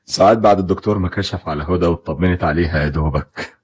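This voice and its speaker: Bitter egyptian dad, low husky voice, talks super fast, accusing. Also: male voice. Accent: Egyptian Arabic. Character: bitter, fearful father, resentful of his wife. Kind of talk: old film drama acting.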